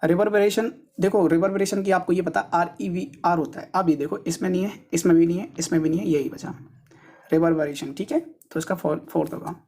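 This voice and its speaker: A woman with a husky, slightly breathy voice coaches students through an exam practice set. She pitches a little low for a woman and talks casually, repeating each word and spelling it out letter by letter. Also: brisk, warm tone. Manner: casual, keeps calling viewers brother, repeats words and spells them out letter by letter. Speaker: exam-prep teacher. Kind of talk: solving an English test paper aloud.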